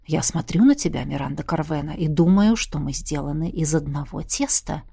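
A woman reading the part of a mocking, grumbling male master of dark magic in a fantasy audiobook. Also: medium pitch, expressive, normal speed, no echo, clean studio sound, close to an everyday voice. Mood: low, sly.

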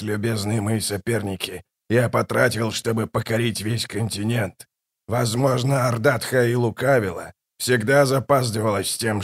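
A man voicing a scornful ancient tyrant king in a dramatized audiobook, contemptuous and rising to furious shouts. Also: lowish voice. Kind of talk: audiobook reading with character voices.

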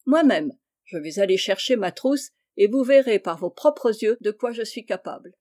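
A kindly old sailor turned doctor from a storybook, voiced by a woman reader. He talks with gentle, mock-solemn humor, teasing his niece warmly. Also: mid-range voice, lively intonation, moderate pace, lightly acted.

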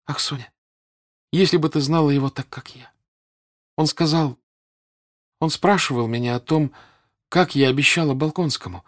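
A man's voice: moderate pace, long pauses, lightly acted. A man reading an audiobook and voicing a passionate, desperate young noblewoman who cries out and pleads. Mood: anguished. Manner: shrill, crying out.

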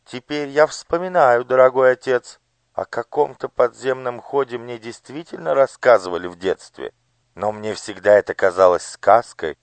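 A man's voice: mid-range voice, normal speed, dry recording, pitched above the performer's own voice, close to an everyday voice. A man voicing a polite, refined noble lady in an audiobook. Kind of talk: audiobook character voice.

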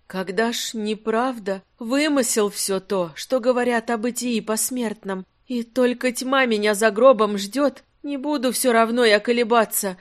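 A narrator voicing a young male actor reciting a mournful stage monologue slowly, in declamatory verse, in an audiobook. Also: mid-range voice, close to an everyday voice. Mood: grieving. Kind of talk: audiobook character voice.

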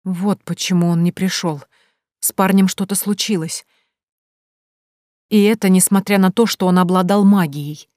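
A woman reading a first-person fantasy audiobook in an expressive, tense way. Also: lowish voice, normal speed, pauses often, dry recording, clean studio sound. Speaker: audiobook narrator.

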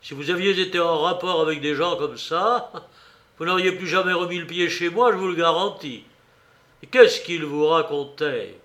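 A man's voice: a little high, normal speed, natural voice. A man doing Long John Silver, a blustering old sea cook. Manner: loud, blustering, theatrical outbursts. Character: gruff one-legged old male sea cook, cunning and blustering. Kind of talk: radio drama reading.

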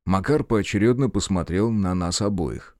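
A man narrating a first-person audiobook in an expressive, dry sardonic tone. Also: sits low, normal speed, no room sound.

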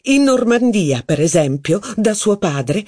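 A reader voicing a confident aristocratic duchess who corrects others with ease. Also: female voice, medium pitch, very animated, a little slow, warm tone, no room sound, clean studio sound, voice pushed up. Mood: assured.

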